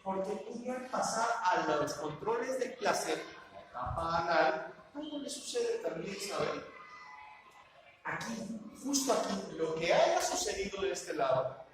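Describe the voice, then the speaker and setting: High-voiced Mexican man lecturing in an echoey hall. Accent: Mexican Spanish. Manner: rhetorical, seeks agreement with tag questions; acts out quoted parents. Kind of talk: lecture to an audience. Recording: echoey hall with background noise.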